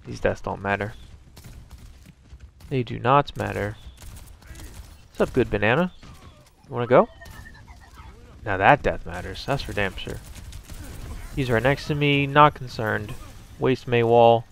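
A man's voice: mid-range voice, a little slow, creaky, long pauses, a bit bright. A man giving wry, sarcastic running commentary on his own gameplay, swearing freely.

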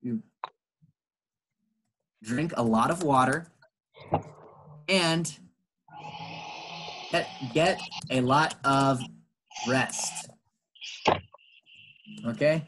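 Slow, patient bilingual English teacher man. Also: mid-range voice, noisy background. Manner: slow, patient explaining, switching between English and Spanish. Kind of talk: bilingual classroom lesson.

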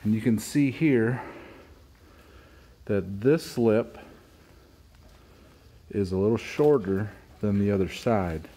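A man's voice: on the low side, slow pace, long pauses, mellow. A middle-aged man in a pole barn workshop, plainly explaining how he puts up steel siding, step by step, with small restarts. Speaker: homestead video host. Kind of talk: casual how-to narration.

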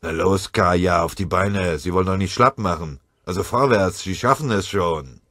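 A man voicing an irritated, gruff army sergeant who barks his orders and curses his superiors. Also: low-pitched, moderate pace, a bit bright, no echo. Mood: urging. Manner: barking, irritated. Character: angry gruff male sergeant in the field.

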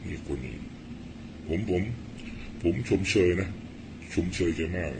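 A middle-aged man giving blunt, rough-spoken political commentary in a casual storytelling monologue. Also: slow pace, noisy background.

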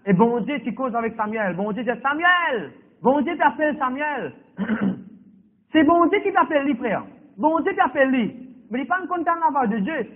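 A man's voice: very high-pitched, slightly rough. A man preaching a sermon as pastor, emphatic and repetitive, calling out to the congregation. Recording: tinny echoey hall recording.

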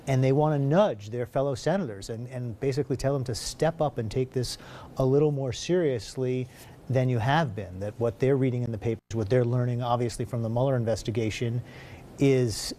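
A man speaking as a news panel guest, explaining events in a measured way. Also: medium pitch, dark tone, a little hiss or hum.

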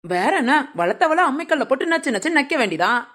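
A woman's voice: high voice, big pitch swings, brisk, fairly bright tone, heavily acted. A woman voicing a cheeky, lazy young village daughter-in-law in a cartoon, teasing and talking back. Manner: sly, teasing, talks back. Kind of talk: cartoon voice acting.

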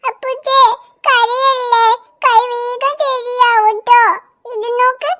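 A bright tiny cartoon girl. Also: level tone, slow pace, exaggerated voice. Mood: soothing. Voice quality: high childlike voice. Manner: earnest, soothing toward her baby brother. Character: little girl, caring older sister. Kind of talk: cartoon voice acting.

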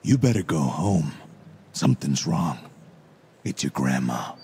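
An actor with an American accent playing a gruff, bossy middle-aged small-town police chief in a video game, giving clipped, commanding lines. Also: male voice, extremely low pitch, big pitch swings, a little slow, a little mellow, in a large hall, slight background noise, heavily acted. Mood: gruff, menacing.

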